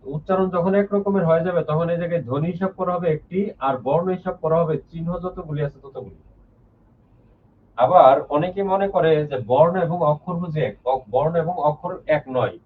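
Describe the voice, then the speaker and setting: Teacher on a tinny distant line. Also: male voice, fairly high pitch, fairly quick, a little hiss or hum. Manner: explains step by step, repeats key points, reads out viewers' names. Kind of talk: live online grammar lesson. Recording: lo-fi phone-like sound from off the mic.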